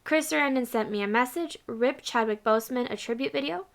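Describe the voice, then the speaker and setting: Chatty woman vlogger, slightly high voice. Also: a little fast, gravelly. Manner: chatty and rambling, with fillers and asides. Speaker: channel host. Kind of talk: casual chat recapping her own videos.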